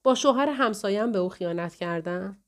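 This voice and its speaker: A woman's voice: mid-range voice, animated, natural voice. A woman reading the part of a frail, confused young woman who has lost her memory, speaking hesitantly and pleadingly in an audiobook.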